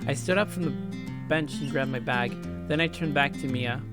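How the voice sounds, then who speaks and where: A man with a mid-range voice reads a visual novel aloud at normal speed for a let's play, with music playing behind him. He acts out the dialogue, adds casual commentary, and stumbles over words.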